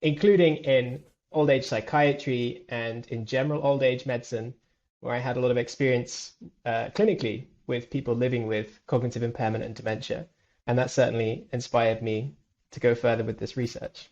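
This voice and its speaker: A man's voice: mid-range voice, fairly even intonation, normal speed, a little mellow. Man from the UK on a slightly dull line. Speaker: guest researcher. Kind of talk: self-introduction in interview.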